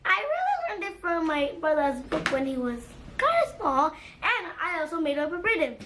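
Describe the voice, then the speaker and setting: A woman's voice: high voice, big pitch swings, moderate pace, background noise. A young girl introducing herself and a song in an earnest, careful way. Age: child speaker. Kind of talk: show-and-tell with a song.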